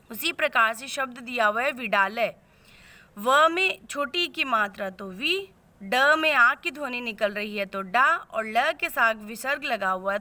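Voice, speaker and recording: Slow, bright-voiced woman teacher. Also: a little high. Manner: slow, patient step-by-step explaining. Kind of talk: classroom lesson on word spelling.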